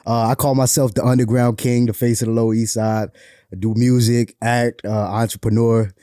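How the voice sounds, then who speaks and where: A man's voice: mid-range voice, level tone, moderate pace, mellow, clear, resonant tone, no echo, studio quality. A nineteen-year-old man, a rapper guest talking casually in a laid-back way with street slang and repeated phrases. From New York. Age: young adult. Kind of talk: casual interview talk.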